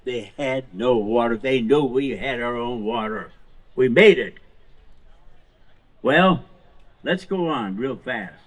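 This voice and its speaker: A hundred-year-old man, a veteran speaking to an audience, recounting war memories in short, halting, emphatic phrases with rhetorical questions. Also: medium pitch, lively intonation, low-quality recording. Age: 100 years old. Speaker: veteran Marine guest speaker. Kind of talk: live war reminiscence to an audience.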